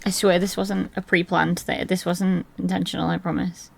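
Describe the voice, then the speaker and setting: A woman streamer with a hoarse, gravelly voice chats casually with her live viewers from her desk, rambling and laughing often. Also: fairly low pitch, little pitch movement, normal speed. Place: at a desk indoors.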